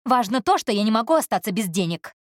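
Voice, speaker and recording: Audiobook role: shrill demanding heiress played by a woman, high strained pitch, close dry sound. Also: big pitch swings, fast talker, no echo. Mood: indignant. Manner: high, strained, raising her voice. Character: spoiled indignant young heiress, shrill and demanding. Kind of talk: audiobook character voice.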